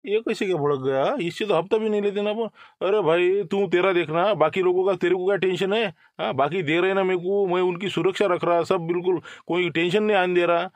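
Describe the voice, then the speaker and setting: A man's voice: high voice, a little fast, no room sound, lightly acted. A man playing a menacing, swaggering local extortion racketeer in a comic sketch. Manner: menacing, swaggering street talk.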